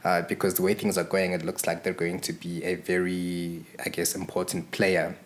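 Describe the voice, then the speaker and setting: A man's voice: low voice, level tone, moderate pace. A young man from Zimbabwe, a podcast guest telling his story in a candid, frank way. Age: young adult. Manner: candid, frank, with fillers and asides. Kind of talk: relaxed conversational storytelling.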